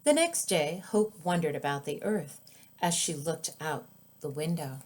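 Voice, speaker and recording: Narrating a children's book she wrote herself, this woman speaks in a low voice, stretching her phrases out expressively and deliberately.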